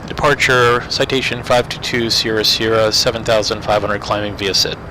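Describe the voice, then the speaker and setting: A man talking like a pilot into a cockpit headset, giving calm, matter-of-fact checklist callouts and radio calls. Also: fairly low pitch, moderate pace. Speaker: pilot flying a simulated jet. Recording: loud engine noise behind the voice.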